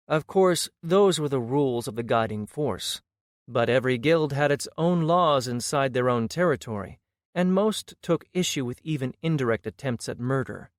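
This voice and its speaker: A man reading a fantasy audiobook in steady, measured scripted narration. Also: medium pitch, no echo, clean studio sound.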